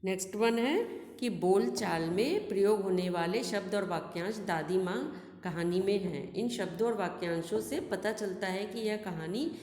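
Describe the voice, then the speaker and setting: A woman's voice: medium pitch, normal speed, a little mellow. Patient teacher woman in echoey room. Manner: patient, explains each example twice. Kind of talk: recorded Hindi grammar lesson. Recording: echoey room with long reverb.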